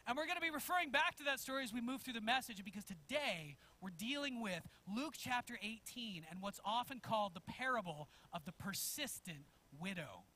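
A man preaching a sermon as pastor in a church, telling a story in an animated way and chuckling as he goes. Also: very high voice, fairly quick, hardly any pauses. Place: church sanctuary.

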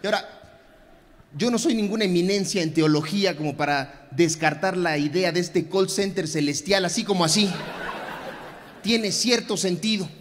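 A young Mexican man performs stand-up into a handheld mic, his voice riding high in pitch. He slips into hushed asides and then erupts into loud, exaggerated rants. The sound carries a long theater reverb. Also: moderate pace, slight background noise. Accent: Mexican Spanish. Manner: swings from low asides to loud mock outbursts. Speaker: stand-up comedian. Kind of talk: stand-up comedy set. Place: large theater stage.

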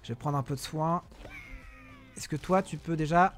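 A young man giving excitable live commentary on a mobile game, talking to his viewers and yelling at opponents. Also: fairly high pitch, normal speed, soft background music. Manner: excitable, shouts during fights, talks to viewers and enemies. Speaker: gaming YouTuber.

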